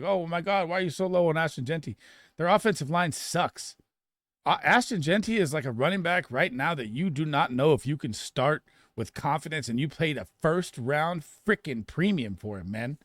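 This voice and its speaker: A man giving casual fantasy football start and sit analysis in an emphatic, rapid way, often restarting his sentences. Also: fairly high pitch, a bit bright, dry recording, studio quality.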